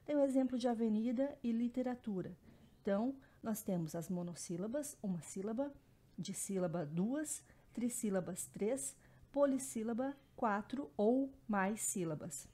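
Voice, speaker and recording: Woman teacher, higher voice, warm mellow tone, explanatory lesson delivery. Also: normal speed. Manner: explanatory, repeats terms, frequent "né" and "então". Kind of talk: recorded Portuguese phonetics lesson.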